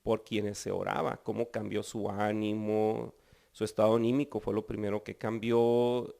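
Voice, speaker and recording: Gravelly low-voiced priest, calm explaining. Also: male voice. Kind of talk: interview answers.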